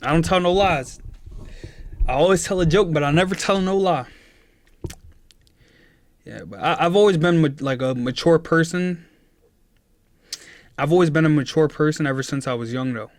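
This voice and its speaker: A twenty-year-old man talking to his live-stream chat in a casual, earnest way, slipping into preachy motivational talk. His voice sits a little high for a man. It is close and dry, with no room sound. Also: normal speed, pauses often, no room sound.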